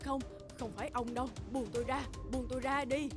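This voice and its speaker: A woman's voice: medium pitch, unhurried, over music, pitched below the performer's own voice, lightly acted. A woman voicing an old village wife in a storybook cartoon, speaking hesitantly with many fillers. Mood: frightened.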